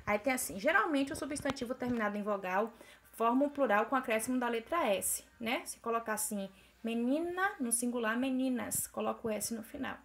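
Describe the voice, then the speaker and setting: Woman teacher, Brazilian Portuguese accent, slightly high voice, patient explaining tone. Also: a little fast, fairly bright tone, slight background noise. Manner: explanatory, repeats "né?" to check understanding. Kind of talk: recorded video lesson.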